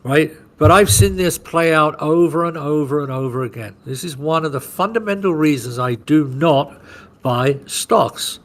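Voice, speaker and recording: A man's voice: a little high, normal speed. A man hosting a trading podcast, explaining chart moves in casual chat and checking in often with "right?". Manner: walks through chart moves conversationally, with frequent "right?" checks; animated storyteller who acts out market scenarios.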